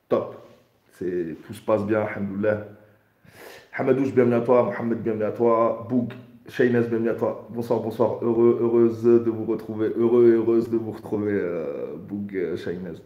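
A man's voice: on the low side, fairly even intonation, moderate pace, dull audio. A man in his thirties chatting casually on a livestream in an echoing bare room, informally repeating greetings to viewers and mixing in Arabic phrases. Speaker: livestream host. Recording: hallway-like echo, resonant bare room.

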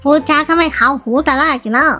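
A woman's voice: sits high, fast talker, over music, close to an everyday voice. A woman voicing a sly, teasing young woman in a Minecraft role-play, talking in a bossy way.

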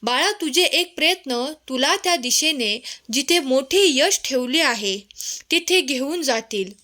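Bright, high-voiced woman reading devotional messages. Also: animated, a little slow. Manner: gentle, tender address to the listener as a child.

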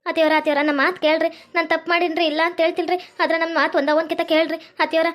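A woman's voice: extremely high pitch, little pitch movement, rapid-fire, a bit bright. A woman playing a desperate young daughter-in-law who keeps begging, with a North Karnataka accent. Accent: North Karnataka Kannada. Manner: begging, repeating calls.

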